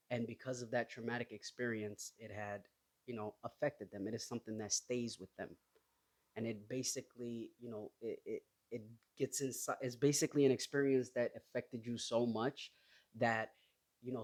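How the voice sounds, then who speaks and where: A man in his thirties from Somalia, hosting his own podcast and talking in a halting, personal way full of restarts. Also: mid-range voice. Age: 30s. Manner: hesitant, halting, with many restarts and fillers. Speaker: podcast host. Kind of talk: casual solo podcast talk.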